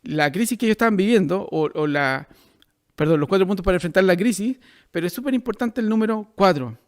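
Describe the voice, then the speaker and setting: Chilean man preaching, high voice, lively pitch, asks the congregation questions. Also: fast talker. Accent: Chilean Spanish. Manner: animated preaching, direct questions to listeners. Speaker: pastor. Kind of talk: sermon.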